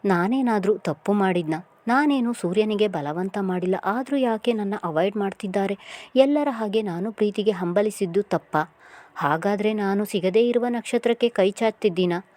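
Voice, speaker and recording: A woman's voice: mid-range voice, moderate pace, a little mellow, natural voice. A woman voicing a heartbroken young woman asking herself plaintive questions, in a storybook reading.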